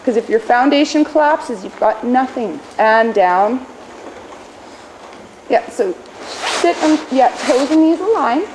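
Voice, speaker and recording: During a live riding lesson, a high-voiced woman instructor calls out quick, projected instructions. She is expressive, correcting and directing with brief explanations over distinctly noisy surroundings.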